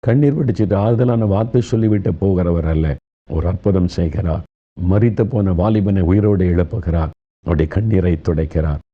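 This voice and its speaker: A man preaching a sermon, speaking gently and consolingly, addressing listeners directly. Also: low voice, moderate pace, narrow, tinny audio.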